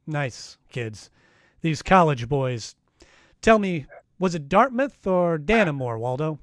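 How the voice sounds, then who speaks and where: Heavily acted and very animated, a slightly high, fairly bright male voice moves at a slow pace as he plays a taunting, sardonic, wry private detective in 1940s radio-drama style, live. The sound is dry and studio quality, though it comes from a noisy home live-stream recording.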